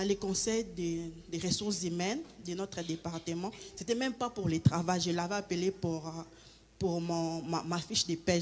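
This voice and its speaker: A woman's voice: mid-range voice, a little mellow. Hesitant woman giving a church testimony. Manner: hesitant, repeats words and restarts often; acts out dialogue with a raised voice. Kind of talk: spoken personal testimony.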